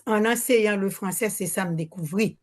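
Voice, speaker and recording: An older Haitian woman in the audience asks a question at a public Q&A, speaking spontaneously into a handheld microphone. Her voice is medium in pitch, fairly quick and a little mellow. She hesitates at the mic, restarts often and slips Creole words into her French.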